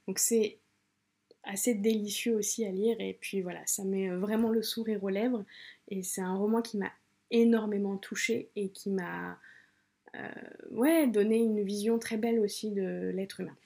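A woman hosts a book podcast in a relaxed, chatty way, often pausing and restarting her sentences. Her voice is mellow and a little breathy. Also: mid-range voice. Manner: hesitant, many fillers and restarts. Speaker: podcast host reviewing books. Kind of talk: casual chat.

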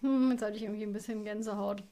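A woman's voice: medium pitch, steady tone, fast talker, warm tone. A woman hosting a podcast interview, listening closely and asking follow-up questions. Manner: attentive, asks follow-up questions. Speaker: podcast host.

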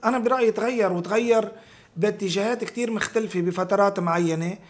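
A Lebanese man with a high-pitched voice in an informal political discussion. He talks quickly and emphatically, repeating phrases and throwing out rhetorical questions in blunt, coarse language.

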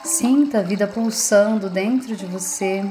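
A woman with a Brazilian accent guides a meditation in a soothing, unhurried manner, leaving lingering pauses between short phrases. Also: medium pitch, music in the background.

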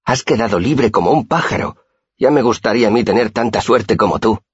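A man's voice: lowish voice, animated, moderate pace, breathy edge, dry recording, pitched above the performer's own voice. A man doing a hot-headed young student. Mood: heated. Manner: heated, exclaiming. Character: excitable young male student, blunt and loyal. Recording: dull, muffled audiobook recording.

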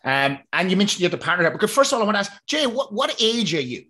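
A man's voice: high-pitched, sing-song, fast talker, pushed and bright. A man, hosting a podcast, chatty and joking with casual swearing. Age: 30s. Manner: chatty, swears, jokes about himself. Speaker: podcast host. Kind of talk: casual interview chat.

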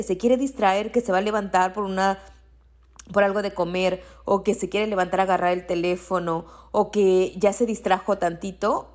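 A coach for women entrepreneurs, speaking with a Mexican accent, gives an encouraging motivational podcast talk and repeats her key phrases. Her voice is medium-pitched and a little mellow.

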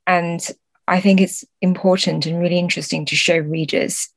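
Her voice sits on the low side and is somewhat creaky, with fairly even intonation at a normal pace in a dry recording. This translator and book editor, a guest on a podcast, answers thoughtfully and conversationally, frequently pausing to find the right word and revising what she's said.

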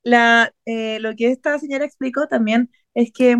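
A woman's voice: a little high, fairly even intonation, normal speed, dry recording. A young woman with a Chilean accent, telling a story in casual chat with slang and restarts.

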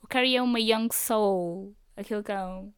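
Clear-voiced young European Portuguese woman, chatty. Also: medium pitch, normal speed. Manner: informal, slangy, mixing in English words. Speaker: podcast host. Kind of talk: casual solo podcast chat.

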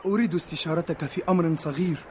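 Eager, higher-voiced radio-drama soldier man acting. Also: very fast, dark tone, slight background noise, natural voice. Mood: respectful. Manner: eager, deferential, formal. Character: earnest, anxious, respectful young male soldier.

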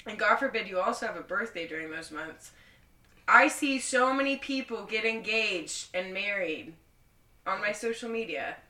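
A woman's voice: mid-range voice, lively intonation, moderate pace, bright, forceful tone. A woman chatting casually as a podcast co-host, blunt and sardonic, swearing freely. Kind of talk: casual chat. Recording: roomy echo, slightly distant mic.

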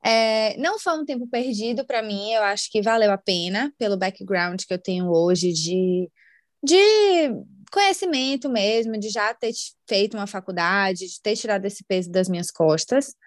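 A woman's voice: mid-range voice, moderate pace, no room sound, studio quality. A woman, a guest chatting in a podcast interview and using many fillers. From Brazil. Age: 20s. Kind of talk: casual interview chat.

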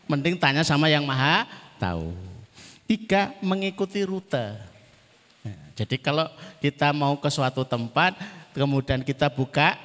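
Male preacher, Javanese accent, animated storyteller, slightly high voice, long hall reverb. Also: unhurried, long pauses. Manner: lively storytelling with acted quotes, mixing in Javanese. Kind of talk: humorous sermon.

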